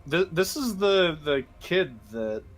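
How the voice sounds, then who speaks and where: A man's voice: sits high, very animated, takes it slowly. A man in casual gaming chat, explaining things in an insistent, argumentative way. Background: game music.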